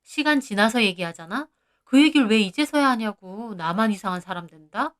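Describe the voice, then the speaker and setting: A woman's voice: medium pitch, expressive, fairly quick, fairly bright tone, close to an everyday voice. A woman voicing a frank female friend giving blunt advice. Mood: advising. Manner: blunt, advising.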